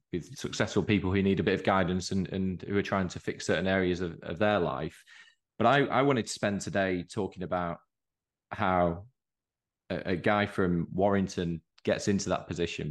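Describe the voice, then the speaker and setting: A man hosting a podcast and interviewing a guest in a conversational way, with frequent restarts. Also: low voice. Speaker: podcast host.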